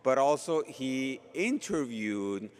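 A man's voice: medium pitch, animated, slow, clean tone. A man speaking solemnly as a priest at Mass, his voice carrying in a cathedral echo in a large church. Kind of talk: gospel reading and homily at Mass. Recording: long cathedral-like reverberant echo.

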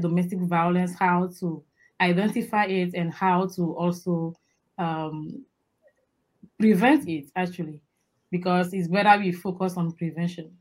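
A woman's voice: on the low side, poor audio. A woman from Togo with a Togolese accent, introducing herself conversationally as a guest in an interview. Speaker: guest, advocate and trainer.

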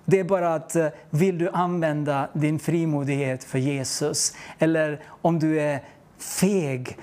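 A man with a high, light voice delivers a testimony sermon. He tells the story earnestly and plays out the conversation, switching voices for each person. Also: darkish tone. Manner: storytelling, acting out dialogue, earnest. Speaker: preacher.

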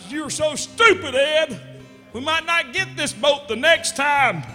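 Hick brother figure, male, Southern US accent, loud and high, drawled shouting; performed by a man on a reverberant stage with guitar underneath. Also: slow pace, exaggerated voice. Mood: scolding. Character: loud simple-minded southern fishing brothers.

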